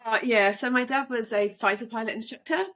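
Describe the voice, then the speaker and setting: A woman's voice: on the high side, fairly even intonation, fairly quick, a bit bright. A middle-aged woman from England, chatting casually as a podcast guest, rambling with fillers. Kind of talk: casual interview chat.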